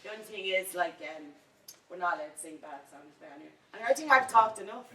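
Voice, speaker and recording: A woman's voice: mid-range voice, lively intonation, fairly quick, a crowd in the background. A woman with a Dublin accent speaking at a campaign panel, telling a story with growing indignation. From Ireland. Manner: indignant, storytelling, rising to anger. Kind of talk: impassioned panel talk. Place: large hall at a bookfair. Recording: echoey hall, voice from far off.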